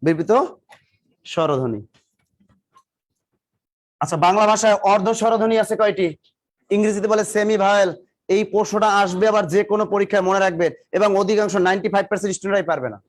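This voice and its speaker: A man's voice: sits high, fast, long pauses. A male teacher giving a live classroom lecture, drilling students with repeated questions and teasing or scolding them. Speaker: exam coaching teacher.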